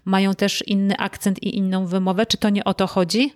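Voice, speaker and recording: A woman interviewer asking questions in an even, inquiring way. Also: medium pitch, brisk.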